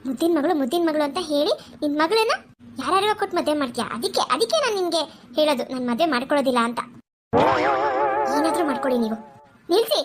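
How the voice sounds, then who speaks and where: A woman's voice: high voice, lively intonation, fast, faint music behind. A woman voicing a blunt, defiant young woman, the bride's sister, in a cartoon. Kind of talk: cartoon voice acting.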